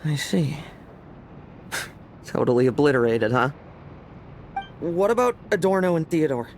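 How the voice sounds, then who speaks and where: An actor playing a cocky, sardonic young knight with a theatrical, wry delivery in a fantasy game. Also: male voice, on the high side, lively intonation, a little slow, slight background noise. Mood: flippant. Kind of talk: dramatic game voice acting.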